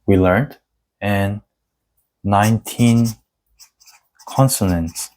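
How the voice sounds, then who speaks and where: A man whose first language is Korean teaches an online lesson, taking his time over every word. His voice sits a little low, and he walks through the sounds one letter at a time. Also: a little mellow. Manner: slow, deliberate explaining with spelled-out letter sounds.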